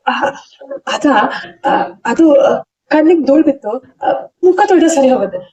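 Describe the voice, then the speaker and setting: A young actress playing a proud, troubled wife who answers curtly and defensively in a TV serial. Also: female voice, sits high, expressive, normal speed, mellow, dull audio. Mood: evasive. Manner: curt, defensive. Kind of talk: TV serial acting.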